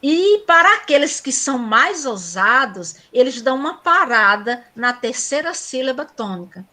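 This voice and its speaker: Middle-aged female teacher, high voice, lilting recitation, chatty asides, over a video call. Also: big pitch swings, moderate pace, pushed and bright. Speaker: cordel workshop teacher. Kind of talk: reciting cordel verse and explaining meter.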